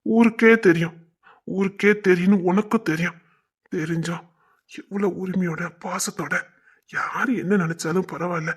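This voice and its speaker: Guy doing a rough husky young village fella, hot-headed but sweet on his girl. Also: sits high. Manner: rough, protective, teasing. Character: protective young village man, affectionate and hot-tempered. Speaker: young village man in love. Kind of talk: web series drama acting.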